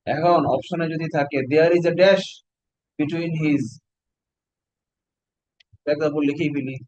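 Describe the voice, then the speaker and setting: A Bangladeshi man teaching an online exam-prep lecture, slowing down to spell out examples and tossing questions at his students. His voice sits fairly high for a man. The audio comes through a computer mic on a video call, dry and a little muffled. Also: steady tone, darkish tone, dry recording. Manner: explains slowly, quizzes students with questions.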